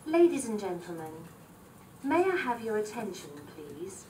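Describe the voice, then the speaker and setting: A woman giving a formal, measured fire alarm announcement over a building's PA loudspeaker. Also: mid-range voice, very animated, heavy background noise. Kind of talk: formal public address announcement. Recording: distant PA speaker heard from across a hearing room.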